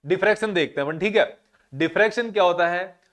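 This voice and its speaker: A man's voice: high-pitched, fast, fairly bright tone. A male physics teacher, giving a classroom lecture and explaining through rhetorical questions and everyday examples.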